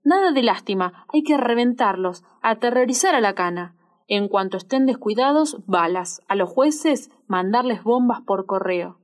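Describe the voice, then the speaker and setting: A woman's voice: mid-range voice, animated, normal speed, natural voice. Tough young thief, woman reading, Rioplatense, clipped and defiant. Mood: fierce. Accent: Rioplatense Spanish. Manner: clipped, tough street talk.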